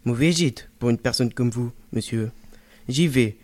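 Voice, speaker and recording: A man's voice: mid-range voice, measured pace, darkish tone, dry recording, close to an everyday voice. A man playing a proud, guarded bandit in a read-aloud drama, terse and clipped. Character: proud male bandit traveler, guarded and brusque. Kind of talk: audiobook drama role.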